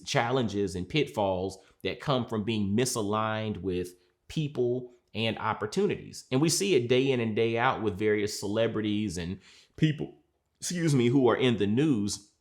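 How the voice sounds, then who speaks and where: A man, a mindset coach from Georgia, talking in a reflective sit-down, earnest and measured, repeating phrases for emphasis. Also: lowish voice. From Georgia, USA.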